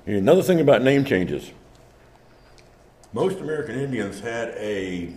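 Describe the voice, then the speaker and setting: A man's voice: medium pitch, warm tone. A man giving an informal lecture, conversational and acting out small exchanges as he explains. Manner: conversational, acts out little dialogues. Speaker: speaker on genealogy and naming. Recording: roomy echo, faint background noise.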